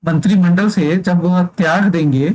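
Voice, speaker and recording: A male teacher with a somewhat high voice leads an exam-prep class. He dictates points slowly for notes and stops to check that his students are keeping up. His tone is explanatory and steady. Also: rough recording.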